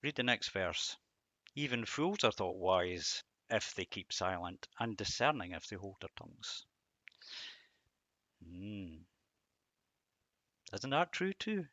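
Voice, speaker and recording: A Bible teacher and host gives a devotional talk reflecting on scripture verses. His lowish, bright voice moves slowly yet stays very animated, and the sound has no echo. His manner is reflective, built on rhetorical questions and emphatic repetition.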